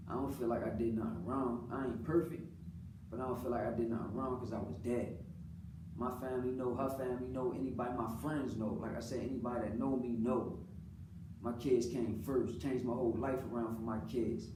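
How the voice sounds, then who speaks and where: An American man speaking off the cuff in an earnest, colloquial personal monologue, repeating phrases for emphasis. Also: mid-range voice. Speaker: father speaking about his own life. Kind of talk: unscripted personal monologue, casual talk. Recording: roomy, distant mic, clearly noisy background.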